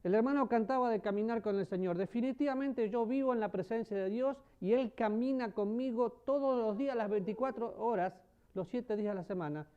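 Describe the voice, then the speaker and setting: A man preaching a sermon, asking the congregation questions and swinging between loud emphasis and soft, low passages. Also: fairly quick, clear, resonant tone. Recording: dull lo-fi sermon recording.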